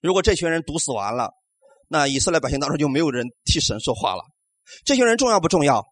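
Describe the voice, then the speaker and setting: A man preaching a sermon, animated, asking rhetorical questions and calling out amens to the congregation. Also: fairly high pitch, quick pace, dry recording. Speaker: pastor.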